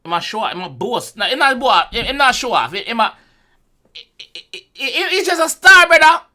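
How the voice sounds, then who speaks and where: Jamaican man, young adult, high bright voice, lively swooping delivery, reaction commentary. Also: moderate pace. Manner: loud exclamations, swearing, laughing outbursts. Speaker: music reaction host.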